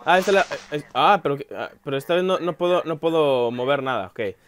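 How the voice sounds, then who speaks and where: A young man giving let's-play commentary, rambling aloud with many fillers and bursting into loud yelps whenever something startles him. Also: fairly high pitch, animated, brisk. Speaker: gameplay commentator.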